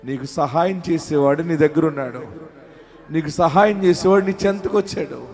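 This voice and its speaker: A male pastor leading a fervent prayer sermon, voicing the pleas of the faithful in a low, pleading tone and then rising to loud, high proclamations. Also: normal speed, faint music behind. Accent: Telugu.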